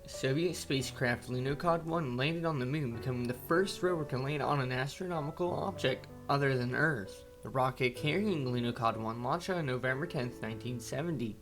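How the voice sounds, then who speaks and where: A man presenting a scripted history segment on a school show in a steady reading voice. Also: medium pitch, a little fast, hardly any pauses, over music.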